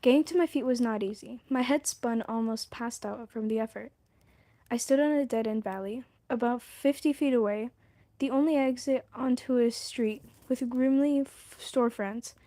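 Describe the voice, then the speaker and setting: Lady livestreamer reading a novel out loud, mellow voice, keeps stopping to comment. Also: fairly high pitch, normal speed, no echo. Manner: stumbles over words and breaks off to comment. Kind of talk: casual read-aloud on a livestream.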